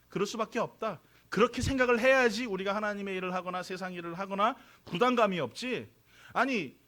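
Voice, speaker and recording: A man's voice: high voice, fairly bright tone. A man from Korea preaching a sermon as pastor of his church, chatty and joking, asking the congregation questions. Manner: conversational, jokey, draws responses from congregation. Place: church sanctuary.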